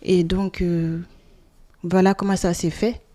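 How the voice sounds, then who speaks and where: A woman around forty from Senegal, answering interview questions in a hesitant, soft-spoken way with many pauses. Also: lowish voice, level tone. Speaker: guest.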